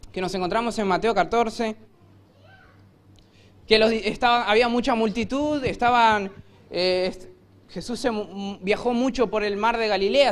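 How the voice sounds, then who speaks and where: A man with a Rioplatense Spanish accent preaching a sermon in a church, telling the story vividly and acting out shouted lines. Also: high-pitched. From Argentina. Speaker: pastor.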